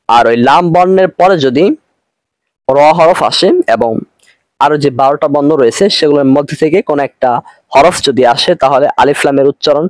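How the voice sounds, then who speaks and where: A man's voice: on the high side, no echo. Patient man teaching Arabic grammar. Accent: Bangladeshi Bengali. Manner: patient, repeats each point, slows for Arabic phrases. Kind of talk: recorded online grammar lesson.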